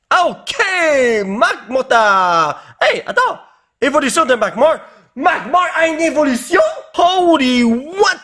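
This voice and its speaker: A tired young man with a Québécois French accent, excitedly opening Pokémon cards in a casual vlog and tossing in English exclamations. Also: fairly high pitch. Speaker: YouTuber.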